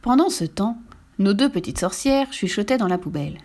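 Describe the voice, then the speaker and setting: A woman reading a children's picture book aloud in an expressive, lively way. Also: mid-range voice, normal speed. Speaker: storyteller.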